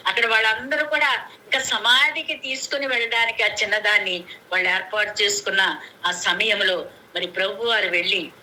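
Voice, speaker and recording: A lay preacher from Andhra Pradesh, India, preaches earnestly to a prayer meeting over a conference call phone, retelling scripture and repeating phrases for emphasis. Her lowish voice is bright and forceful, and the conference call recording is noisy.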